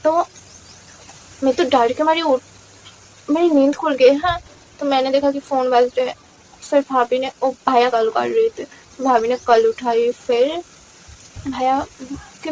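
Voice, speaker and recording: A young woman casually telling a personal story, excitable, mixing English words into her Hindi. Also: high-pitched, slight background noise, low-quality recording. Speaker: storytime vlogger.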